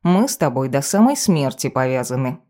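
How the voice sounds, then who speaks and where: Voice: medium pitch, very animated, moderate pace, dark tone, lightly acted. A reader voicing a self-important male talking cat familiar who grumbles and lectures his mistress in an audiobook. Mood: bossy, lecturing. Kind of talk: audiobook character voice.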